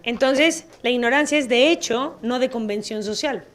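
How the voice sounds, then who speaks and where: Brief: woman lecturer with a fairly high voice, lively and playful with the audience. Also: normal speed. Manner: lively, asks the audience questions, playful asides. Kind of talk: public talk with audience questions. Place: auditorium.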